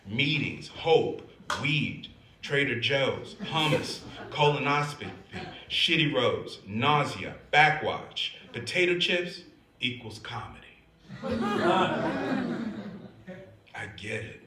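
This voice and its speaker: An older man doing stand-up comedy, animated, shifting between loud laughing punchlines and quiet somber asides. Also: mid-range voice, slow, a crowd in the background. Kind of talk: stand-up storytelling. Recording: echoey room with faint noise.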